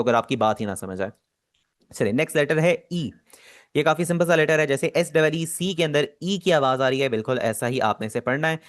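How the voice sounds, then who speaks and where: A man teaching an online Japanese class, explaining patiently and repeating words slowly. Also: mid-range voice.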